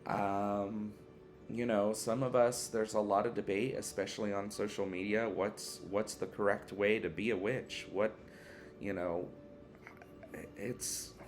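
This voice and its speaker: Sleepy guy rambling slow at home, kinda low voice, lazy chill vlog vibe. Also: a little hiss or hum. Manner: relaxed, rambling, with fillers and restarts. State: tired and yawning. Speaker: witchcraft vlogger answering a tag. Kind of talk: casual chat. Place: one-bedroom apartment.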